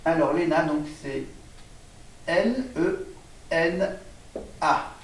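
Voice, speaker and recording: In a casual home vlog, a man speaks in an expressive, slightly high voice, unhurried and hesitant with many fillers and restarts, pausing to spell words as he writes them on a board. He's some distance from the camera mic, in an echoey room with a faint hiss.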